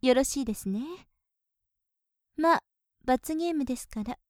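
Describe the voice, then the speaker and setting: Woman as a softly teasing young maid, whispered role-play. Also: high voice, expressive, moderate pace, dry recording, clean studio sound. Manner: polite, softly teasing, with breathy giggles.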